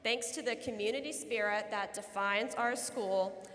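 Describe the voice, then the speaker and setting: A woman's voice: fairly high pitch, a little slow, fairly bright tone. A young woman in her late teens giving an earnest, prepared podium speech as a student at graduation. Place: large indoor room at a graduation ceremony. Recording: long hall reverb.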